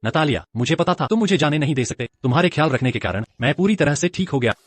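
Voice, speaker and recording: Actor voicing a remorseful husband, lively pitch, dub. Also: male voice, fast talker. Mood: hopeful. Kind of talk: dubbed drama acting. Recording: faint music underneath.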